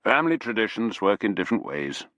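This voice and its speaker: A man's voice: lowish voice, big pitch swings, quick pace, a bit bright, no echo. A man voicing a brusque, commanding senior officer.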